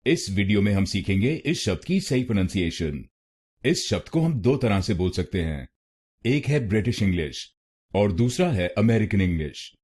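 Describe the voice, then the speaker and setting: A man leads a pronunciation lesson in a slow, careful, repetitive way. His voice is low, mellow and slightly husky, and his pitch moves lively up and down. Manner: slow, deliberate, repeats words. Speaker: pronunciation teacher.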